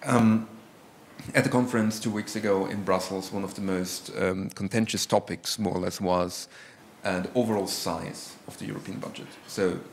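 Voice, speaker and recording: Deep flat-voiced man moderating a panel. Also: moderate pace, gravelly. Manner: hesitant, many fillers. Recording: echoey room with faint background noise.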